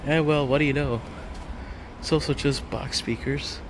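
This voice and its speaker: A man vlogs a casual walkthrough of a large warehouse store, his medium-pitched voice fairly even in intonation and his pace moderate. The audio comes from a handheld phone or camera, with clear ambient store noise behind him.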